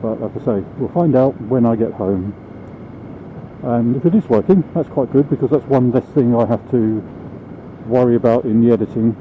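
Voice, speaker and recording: A man's voice: mid-range voice, normal speed. A British man chatting casually as he rides a motorbike, vlogging from inside his helmet. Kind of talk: casual vlog monologue while riding. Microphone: small microphone mounted inside the helmet. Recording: phone-like helmet microphone, clear vehicle noise. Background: vehicle and road noise.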